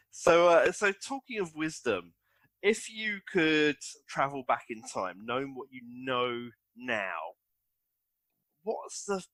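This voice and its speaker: Male interviewer, animated and eager, halting phrasing, dry recording. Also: medium pitch, no room sound. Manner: enthusiastic, hesitant phrasing with fillers. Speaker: podcast host. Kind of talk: interview questions.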